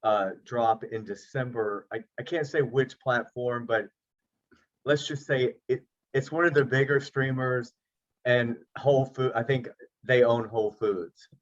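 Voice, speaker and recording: Speaking a little slowly with medium pitch and fairly level intonation, this middle-aged man, an actor and producer, jokes at his own expense as a relaxed interview guest over video call. The recording is lo-fi and a bit dull.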